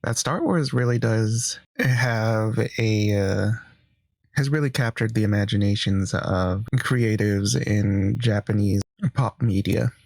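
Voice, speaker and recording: A man's voice: on the low side, slow pace, vocal fry, darkish tone, no room sound. A man giving joking, casual reaction commentary as an online video host. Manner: joking, wisecracking.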